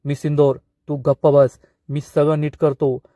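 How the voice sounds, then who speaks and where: A man playing an angry young man who shouts threats while protecting his sister. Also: on the high side, flat delivery, a little slow, dry recording, close to an everyday voice. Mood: furious.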